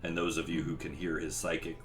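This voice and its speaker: Very deep-voiced male game master, music behind. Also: little pitch movement. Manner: descriptive, informal, drawn-out dramatic phrasing. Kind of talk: narrating a tabletop horror fantasy game.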